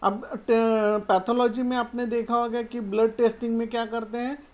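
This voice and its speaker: A woman's voice: a little high, darkish tone. A woman with a Marathi-influenced Hindi accent, teaching a science lesson, explaining step by step and mixing in English terms. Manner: explanatory, mixes English terms, frequent "okay" fillers. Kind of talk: classroom lecture explaining slides.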